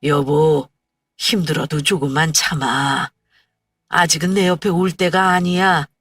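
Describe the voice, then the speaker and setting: A woman voicing a gruff, hot-tempered late husband who blusters and scolds, then turns tender, in a story reading. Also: medium pitch, lively intonation, slow, a bit bright, no echo. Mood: gentle. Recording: dry distant mic with faint music. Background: faint background music.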